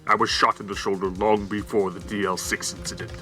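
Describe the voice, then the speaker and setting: A man voicing a stern, proud older male prosecutor, reading game dialogue in a slow, cold, haughty way. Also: fairly low pitch, level tone, over music, lightly acted.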